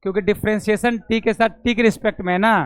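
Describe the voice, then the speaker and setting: In this physics classroom lecture, a man with a Bihari Hindi accent talks fast in a high, clear, resonant voice with fairly even intonation. He asks his students questions, names them individually, and repeats each step aloud.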